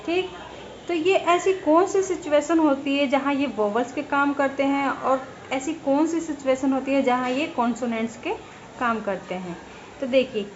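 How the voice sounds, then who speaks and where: A woman's voice: sits high, highs cut off, a little hiss or hum. A woman teaching, patiently spelling out sounds and breaking words into parts. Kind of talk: explaining to students.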